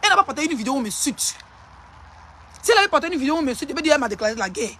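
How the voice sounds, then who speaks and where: An Ivorian social media personality ranting and hurling insults in a live-stream clash, in a taunting, rapid-fire manner. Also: sits high, sing-song, bright, forceful tone.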